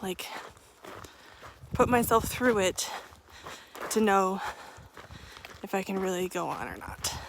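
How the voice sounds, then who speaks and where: A woman's voice: mid-range voice, expressive, takes it slowly, vocal fry, pauses often, background noise. A young woman talking to her camera while hiking outdoors, rambling and emotional, laughing now and then. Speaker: thru-hiker vlogger. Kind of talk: casual vlog monologue. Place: outdoors on a trail. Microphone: handheld camera while walking.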